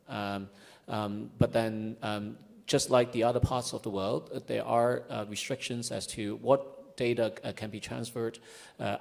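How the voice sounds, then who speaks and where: Gravelly lowish guy on a panel, hesitant, lots of ums. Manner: hesitant, many fillers. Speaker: conference panelist. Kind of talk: panel discussion.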